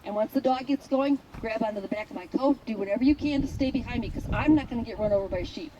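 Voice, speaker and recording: A woman herding instructor explaining a test to a class outdoors in a blunt, joking, animated way. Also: on the high side, fast, muffled recording. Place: outdoors at a sheep field. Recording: outdoor recording with traffic noise.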